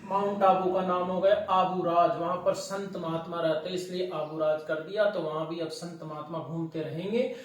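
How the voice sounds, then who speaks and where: A man's voice: sits high, steady tone, moderate pace, a little hiss or hum. A man teaching English grammar, calling his viewers dear children and answering his own questions as he goes. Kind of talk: classroom lesson to students. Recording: very echoey room, voice from far off.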